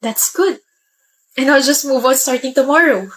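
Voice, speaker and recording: A woman acting in comedic skits, sharp-tongued and confrontational toward a cheater. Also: high-pitched, a little slow. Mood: firm. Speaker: lead actress in skits.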